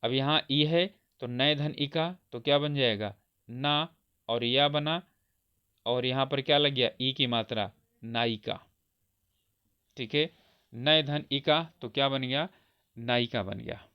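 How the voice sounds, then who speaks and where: A male teacher talks through a grammar lesson for exam candidates in a smooth, clear voice of middle pitch. He poses a question, then drops lower and softer to answer it himself. The recording sounds slightly dull and lo-fi. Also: takes it slowly, long pauses. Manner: explains step by step, keeps asking questions and answering them himself.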